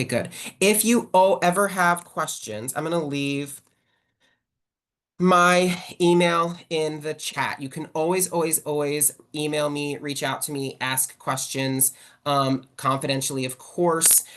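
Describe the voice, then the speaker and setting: A woman's voice: deep voice, measured pace, fairly bright tone. A woman giving a casual webinar talk as a guest presenter, talking in a chatty way with lots of "like". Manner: chatty, fills with "like". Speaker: guest presenter on sexual violence support.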